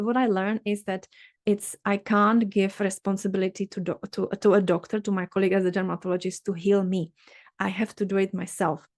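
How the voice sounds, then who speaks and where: A middle-aged woman from the Czech Republic with a Czech accent, a dermatologist leading a health workshop in a halting, earnest way, with many fillers and restarts. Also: medium pitch, darkish tone, no echo, clean studio sound. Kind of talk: workshop talk.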